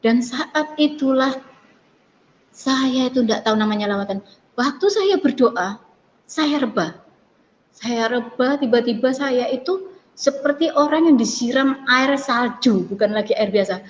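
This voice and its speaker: A woman giving an earnest, animated personal testimony in an interview, often restarting her sentences. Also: high voice, a little slow. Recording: dull lo-fi sound with long reverb and faint noise.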